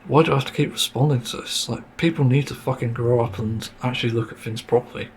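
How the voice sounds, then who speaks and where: Male podcast host, solo rant, irritated and sweary, hoarse-ish throat, light background hiss. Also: mid-range voice, steady tone, fast. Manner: frustrated, swearing, many fillers and sighs. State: sore throat, mint in mouth.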